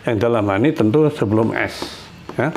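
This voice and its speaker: A middle-aged man teaching a relaxed lesson, explaining step by step, often restarting and repeating example sentences. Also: mid-range voice, a little fast, a little hiss or hum. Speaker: Spanish teacher. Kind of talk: casual spoken lesson.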